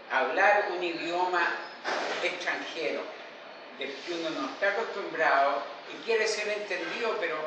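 An older man, a painter and writer, narrating a reflective story in a slow, musing way with hesitant fillers. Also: sits high. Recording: echoey, distant mic with noisy ambience.

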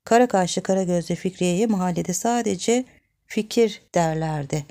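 A woman narrating a short story in a calm, even storytelling voice. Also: lowish voice, normal speed. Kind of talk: storybook reading.

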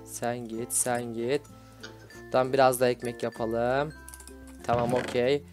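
A man hosting a Minecraft role-play video, excitable and scolding with loud exclamations. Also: medium pitch, measured pace, over music. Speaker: gaming video host.

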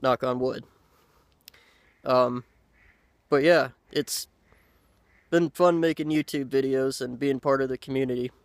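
A man in his thirties chatting casually to the camera outdoors, unhurried and halting, with pauses. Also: mid-range voice, steady tone, dry recording. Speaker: pipe-smoking video blogger. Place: outdoors by a lake in woods. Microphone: handheld camera at arm's length.

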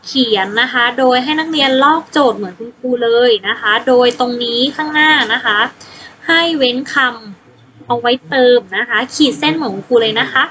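A woman with a Thai accent teaches children English in a slow, patient way, repeating words and sounding out their first letters. Her voice sits high and bright. A faint background noise runs under the recording. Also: low-quality recording. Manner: spells out words sound by sound, gentle prompting questions. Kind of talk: slow, patient classroom instruction.

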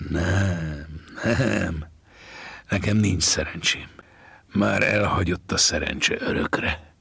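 A man voicing a weary, beaten old fisherman with a low, gravelly, hushed voice. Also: no echo, heavily acted. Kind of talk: audiobook character voice.

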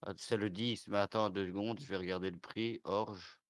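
Calm low-voiced man giving game tips. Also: normal speed, dry recording. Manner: calm, explains steps patiently. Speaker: friend in a multiplayer game. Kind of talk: casual gaming chat.

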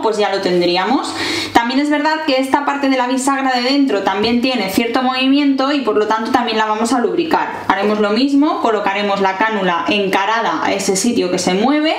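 A woman in her thirties with a Peninsular Spanish accent walks viewers through household fixes in a friendly, explanatory way. Her voice sits a little high, and it echoes off the hard tiled kitchen around her. A faint hiss runs underneath. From Spain. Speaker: home tips presenter. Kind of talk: home how-to tutorial. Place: home kitchen, indoors.

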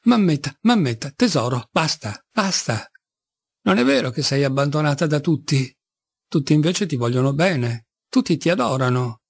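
A man's voice: a little high, very animated, normal speed, vocal fry, breathy edge, full character voice. A man reading an audiobook, voicing a poor middle-aged captain who talks in a theatrical, fawning and bitterly ironic way. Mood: tender.

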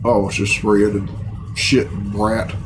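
Speaking slowly, with a lowish voice and little pitch movement, a middle-aged man reacts to a video game with casual, profane remarks in a sarcastic, bemused grumble. He hosts reaction videos from a small indoor bedroom, and cutscene music plus other background noise can be heard.

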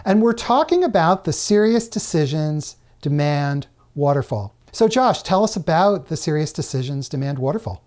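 Middle-aged male host, brisk and prompting, close-framed video interview. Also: a little high, very animated, a little mellow. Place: studio, blue backdrop.

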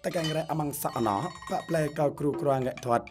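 A man giving scripted narration for a television feature, reading in a steady, even way. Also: fairly high pitch, moderate pace, music in the background. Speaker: news narrator.

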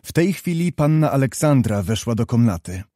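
A male audiobook narrator reading a classic novel in a measured, even delivery. His voice is dark and mellow. The recording is dry and close, with no room around it. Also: medium pitch, dry recording.

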